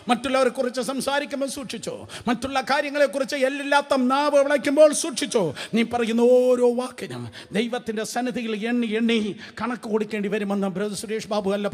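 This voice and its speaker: A man with a Kerala Malayalam accent preaching a sermon to a congregation, emphatic and repetitive, calling on the listeners to answer back. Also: very high voice. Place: church service.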